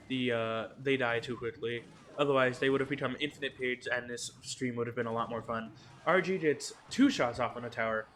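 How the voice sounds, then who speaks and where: A man giving quick, excitable play-by-play commentary on an esports match, with jokey asides. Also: mid-range voice, a little hiss or hum. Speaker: esports caster.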